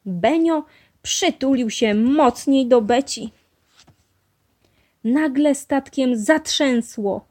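A woman reading a children's storybook aloud in a clear, measured way. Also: high voice, darkish tone. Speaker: storybook reader.

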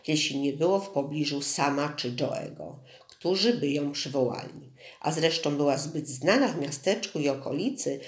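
Measured audiobook narrator in an echoey room. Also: medium pitch. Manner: steady, measured storytelling. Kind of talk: scripted narration. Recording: roomy echo.

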